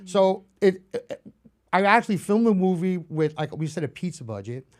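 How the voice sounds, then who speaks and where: Bronx-accented man telling stories, a bit higher voice. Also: moderate pace. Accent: New York (Bronx). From the Bronx, New York. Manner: storytelling, animated, restarts often. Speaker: horror film director. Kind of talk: casual interview chat.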